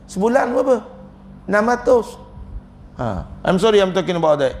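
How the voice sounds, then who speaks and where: A man's voice: high voice, very animated, moderate pace, a little hiss or hum. A man with a Malaysian Malay accent giving a humorous religious lecture as a religious teacher, joking and chuckling often as he tells his stories.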